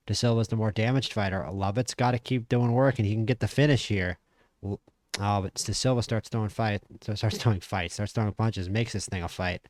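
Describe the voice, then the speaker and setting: A man casually commentating a boxing management game, chatty and opinionated, stammering when he gets excited. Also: on the low side, dry recording, studio quality. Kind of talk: casual play-by-play commentary over a boxing sim.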